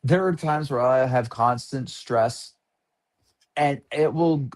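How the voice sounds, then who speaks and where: A man's voice: medium pitch, slow pace. A man in his fifties, a guest artist in a casual interview, speaking in an easygoing way with frequent hesitations and ums. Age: 50s.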